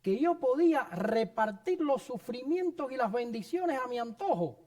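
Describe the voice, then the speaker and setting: A man's voice: very high voice, big pitch swings, normal speed, a little mellow. A man preaching a sermon in a church, earnest and personal, sharing his own story and addressing the congregation as brothers. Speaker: pastor.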